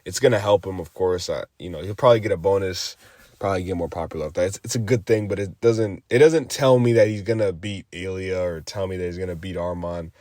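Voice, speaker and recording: A young adult man giving a casual, rambling MMA recap, profane and animated with lots of fillers. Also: sits low, fast talker, no room sound, clean studio sound. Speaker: MMA commentator.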